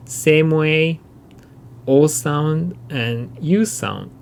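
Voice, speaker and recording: Slow, gravelly male teacher. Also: a little high, lively intonation, a little hiss or hum. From Japan. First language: Japanese. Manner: explains patiently, repeating and drawing out example sounds. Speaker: Japanese language instructor. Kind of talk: recorded mini-lecture.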